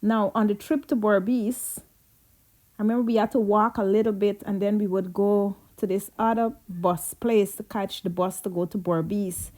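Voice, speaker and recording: A woman's voice: medium pitch, fairly even intonation, moderate pace, darkish tone. A Guyanese woman telling childhood stories in a chatty, reminiscing way, slipping into Creole as she goes. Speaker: vlogger. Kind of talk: casual storytelling.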